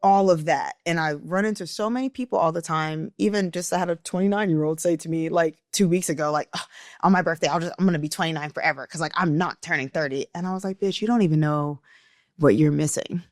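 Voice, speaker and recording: A woman's voice: low-pitched, quick pace, no echo, clean studio sound. A woman in her thirties hosting a podcast interview, talking candidly, laughing often and swearing casually. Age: 30s. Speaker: podcast host.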